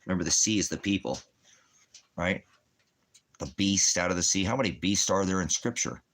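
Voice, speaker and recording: Speaking indoors beside a fireplace at home, a ministry teacher hosts a rambling Bible teaching livestream. His voice is low-pitched and fairly bright, with lively intonation at a normal speed. He talks bluntly and challengingly to commenters, often answering his own questions.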